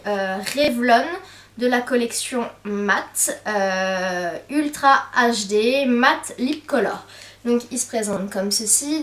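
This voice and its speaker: Chatty young woman, echoey distant sound. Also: on the high side. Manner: chatty, many hesitant fillers. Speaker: beauty vlogger. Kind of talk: casual haul chat to camera.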